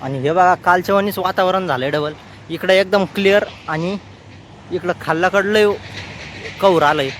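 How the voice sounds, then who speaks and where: A man's voice: high-pitched, normal speed, fairly bright tone, a little hiss or hum. A man, giving chatty, teasing vlog commentary outdoors. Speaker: vlogger.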